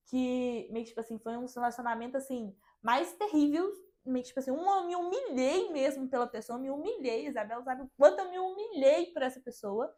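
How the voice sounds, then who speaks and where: A young woman guest telling personal stories in a lively, chatty way with lots of filler phrases. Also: sits high. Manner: lively storyteller, fills with "meio tipo assim". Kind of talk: casual chat.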